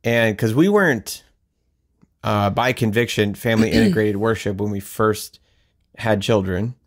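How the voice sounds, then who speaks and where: A man's voice: on the low side, normal speed. A man hosting a podcast in a casual, joking, chatty way. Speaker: podcast host. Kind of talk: casual chat.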